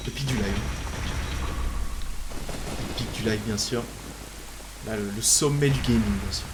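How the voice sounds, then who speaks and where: A man's voice: fairly low pitch, unhurried, noisy background. A man doing casual live gaming commentary as a streamer, with a jokey, mock-grand manner and muttered asides. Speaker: video game streamer.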